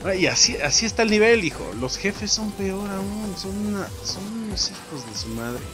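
A young man with a Mexican Spanish accent giving casual, excitable gameplay commentary, swearing and yelping at the game. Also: high voice, normal speed. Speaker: gameplay streamer. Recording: game music in the background.

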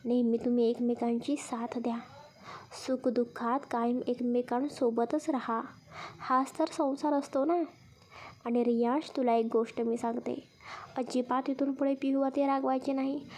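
A woman voicing a caring middle-aged mother who blesses and gently scolds her son and daughter-in-law in a spoken story. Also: fairly high pitch, little pitch movement, moderate pace, natural voice. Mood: affectionate.

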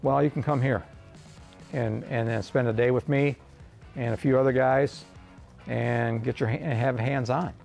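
A man's voice: mid-range voice, fairly even intonation, normal speed, creaky, a little mellow, faint music behind. A man in his fifties who owns a hot rod shop, explaining welding in a plain-spoken, rambling way from a large fabrication shop.

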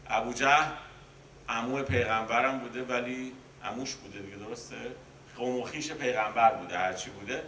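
A man with a bright, forceful mid-range voice teaches a poetry class, reciting verses and then explaining them casually while often correcting himself. The recording has a little hiss or hum and comes from a distant mic in an echoey room.

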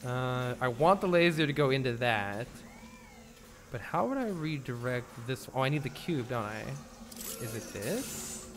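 A man commenting on a game as he plays, chatty and thinking out loud with many questions. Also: mid-range voice, sing-song, measured pace, slight background noise. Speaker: gaming streamer. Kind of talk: let's play commentary.

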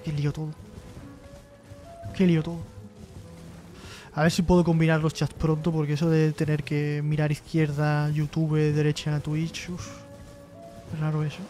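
Man, high voice, live-stream host, jokey reading chat aloud, light music in the background. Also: monotone, moderate pace, pauses often, warm tone. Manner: joking, reads chat messages aloud and replies.

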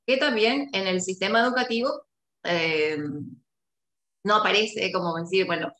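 A woman's voice: medium pitch, normal speed, fairly bright tone, roomy sound. A woman with a Paraguayan Spanish accent giving an academic seminar talk, explaining with many tag questions and fillers over a video call. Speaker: linguistics researcher.

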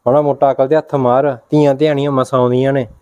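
A man's voice: medium pitch, little pitch movement, fast, mellow, clean tone, highs cut off, close to an everyday voice. A man playing a stern, reproachful husband. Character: stern husband defending his sister. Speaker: husband and brother.

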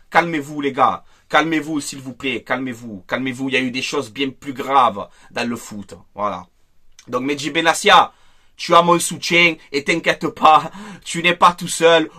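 A man's voice: sits high, sharp tone. A man delivering an angry, emphatic fan rant to camera, repeating himself for force. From Marseille, France. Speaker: football fan vlogger.

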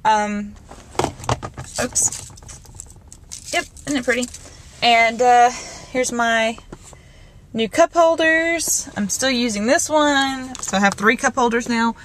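A woman's voice: on the high side, takes it slowly, pauses often, fairly bright tone, slight background noise. A young woman, talking into a handheld camcorder in her parked car, rambling with many fillers and restarts, shaken and nervous. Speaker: vlogger. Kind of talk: casual vlog in a parked car.

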